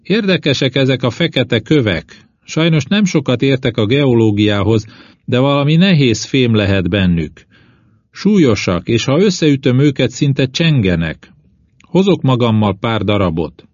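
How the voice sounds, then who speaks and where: A calm, practical male explorer, voiced by a man reading a storybook, explaining directions with patient reassurance. His voice sits noticeably higher and louder than the narration around it. The recording is dry and dull, with a lo-fi edge. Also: no echo. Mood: curious.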